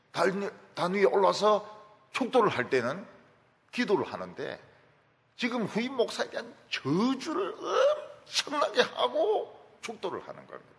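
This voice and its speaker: A middle-aged male pastor preaching with an emphatic, storytelling delivery, his pitch leaping widely and a gravelly edge to his voice. The sermon rings in a long, reverberant church hall. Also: a bit bright.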